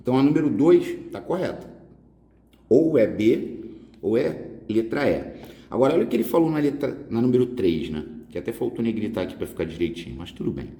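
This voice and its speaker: A man's voice: mid-range voice, very animated, fairly quick, warm tone. A man teaching a casual exam prep grammar lesson, explaining step by step and answering his own questions. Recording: echoey room with long reverb.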